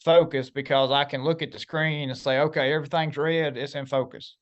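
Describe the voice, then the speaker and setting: A man's voice: fairly high pitch, steady tone, a little fast, dull audio. A man with a Southern US accent casually explaining things as a guest with practical tips. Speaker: guest giving self-filming tips.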